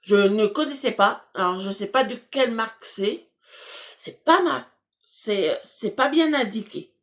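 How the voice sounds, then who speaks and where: A woman's voice: fairly high pitch, a little slow. A woman casually chatting to her viewers while unboxing beauty products, hesitant, with many fillers and restarts, laughing at herself. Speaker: beauty box unboxing vlogger.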